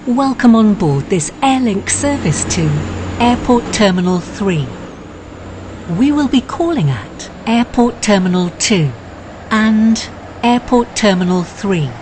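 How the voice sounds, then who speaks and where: A woman's calm, measured voice giving an automated train announcement. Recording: steady train rumble noise.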